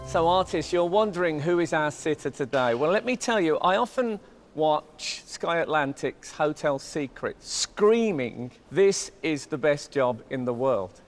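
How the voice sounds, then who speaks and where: A man hosting a TV art competition, talking lively and playful to artists and sitters. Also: fairly high pitch, measured pace, faint music behind. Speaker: host. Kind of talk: presenting a TV competition. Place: indoor gallery studio.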